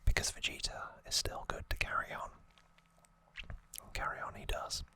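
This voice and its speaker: With a bright, forceful whisper at a moderate pace, this ASMR host goes over trivia unscripted, stumbling slightly now and then, close to the microphone.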